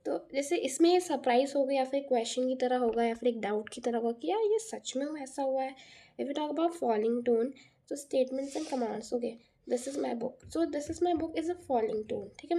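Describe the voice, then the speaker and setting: A woman's voice: high voice, moderate pace, dark tone. A young Indian woman teaching a casual lecture, often checking in with "okay" and correcting herself as she goes. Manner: explains with repeated checks and self-corrections. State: has a cough. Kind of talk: casual exam-prep lecture mixing Hindi and English.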